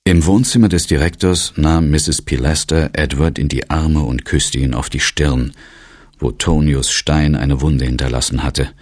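A man reading an audiobook novel as narrator in a measured, even storytelling manner. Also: a bass voice, dry recording, clean studio sound. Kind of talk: scripted narration.

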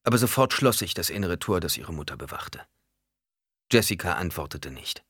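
A man narrating a story in a dramatic, lively reading style. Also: low voice, normal speed, slightly rough, dry recording, clean studio sound. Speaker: audiobook narrator. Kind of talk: scripted narration.

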